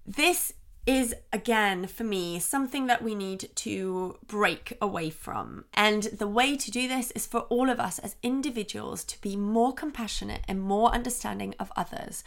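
A woman with a slightly high, gravelly voice talks through parenting advice on her podcast. She explains things calmly and plainly, and slips into the words she would say to her small daughter. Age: adult, parent of a young daughter. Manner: calm, explanatory, acts out what she says to her child. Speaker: parenting podcast host, child development expert.

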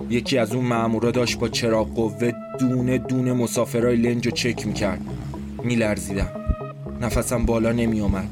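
A man reads a scripted first-person story in a steady, mid-pitched voice, speaking as a tense inner monologue. A loud dramatic music score runs under his narration the whole time. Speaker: narrator and reader.

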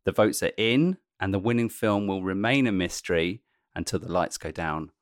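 Jokey man hosting, low voice. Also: moderate pace, no echo, clean studio sound. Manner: jokey, punning, laughs often. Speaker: podcast host. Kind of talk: casual chat.

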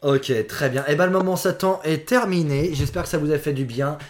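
A man's voice: on the high side, a little fast. Crude, teasing man hosting a podcast. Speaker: host. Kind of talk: casual podcast banter.

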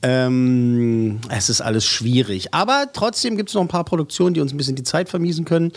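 A man's voice: mid-range voice, a little fast. A man hosting a film podcast in casual German chat, joking and rambling with plenty of fillers. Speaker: podcast host.

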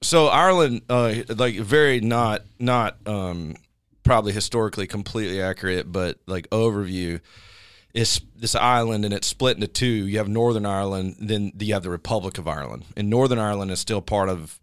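A man's voice: lowish voice, a little fast, fairly bright tone, clear, resonant tone, no echo, studio quality. A middle-aged man hosting a casual podcast chat, joking and rambling, with a habit of telling puns.

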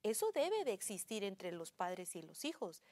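A woman's voice: mid-range voice, sing-song, moderate pace, no room sound. Chatty woman, dry close mic. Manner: warm anecdotal, acts out family dialogue, many fillers. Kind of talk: casual faith-based chat.

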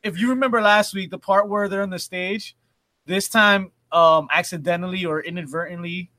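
A man's voice: sits high, steady tone, normal speed, bright, forceful tone, dry recording. A man co-hosting a casual wrestling podcast, recapping matches with laughter and hype. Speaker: podcast co-host.

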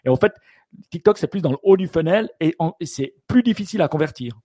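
Guy co-hosting a podcast, casual chat, lots of restarts and uh's, warm low tone. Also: lively intonation, fast, husky, dry recording. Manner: thinks aloud, many restarts and fillers. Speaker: podcast co-host.

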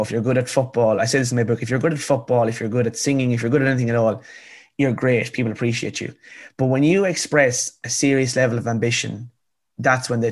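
A man in his twenties with a rural Irish accent, telling his story in an earnest, emphatic conversational way, repeating phrases for effect. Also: mid-range voice. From County Cavan, rural Ireland. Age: 20s. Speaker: interview guest, author.

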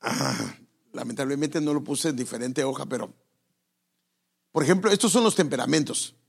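Gravelly-voiced man preaching conversationally. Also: medium pitch, sing-song, normal speed. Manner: conversational, self-correcting, addresses listeners directly. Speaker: pastor. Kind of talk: sermon on marriage.

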